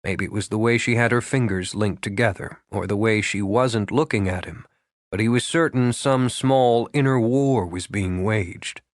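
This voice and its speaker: A man reading a romance novel aloud in a measured, even manner. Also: fairly low pitch, dry recording. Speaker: audiobook narrator. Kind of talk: scripted romance narration. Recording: dry close studio sound.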